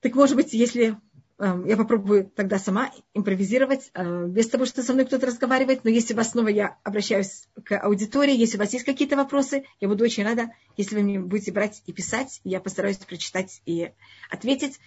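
Quick and mid-range, her voice is a little mellow with a breathy edge, and she speaks Russian as a non-native with a foreign accent. A religious teacher taking audience questions in a live online lesson, she drives points home by repeating and rephrasing them, over dull, lo-fi stream sound.

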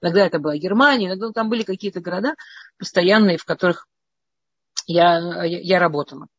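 A woman's voice: on the low side, fast, husky, no room sound, lo-fi sound. A middle-aged woman from Russia casually telling her life story in a meandering way, often restarting and stammering over words.

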